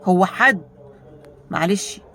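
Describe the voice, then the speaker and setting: An Egyptian woman vlogger telling a story in a casual monologue, animated and rhetorical, often turning to her viewers with questions. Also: fairly low pitch, slow pace, gravelly, slight background noise. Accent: Egyptian Arabic.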